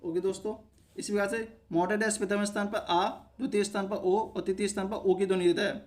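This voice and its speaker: A man's voice: sits high, flat delivery, brisk. A man teaching a shorthand lesson, explaining each step by asking himself short questions and answering them, and often stopping to check that viewers follow.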